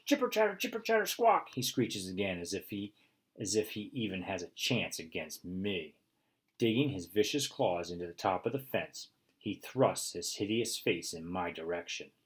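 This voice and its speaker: A man reads a children's story aloud in first person, lively and expressive, jumping up high at exciting moments. His voice is low and husky. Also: normal speed. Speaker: audiobook reader.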